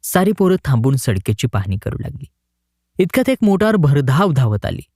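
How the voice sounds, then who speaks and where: A man narrating a short story in an expressive storytelling manner. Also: mid-range voice, moderate pace, no room sound, studio quality.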